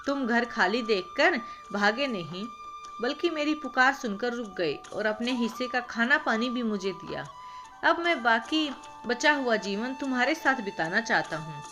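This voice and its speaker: A woman's voice: fairly high pitch, very animated, normal speed. Woman voicing a frail, pleading old villager. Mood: earnest. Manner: pleading, then earnest and heartfelt. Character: frail sick old village man, abandoned. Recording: background music.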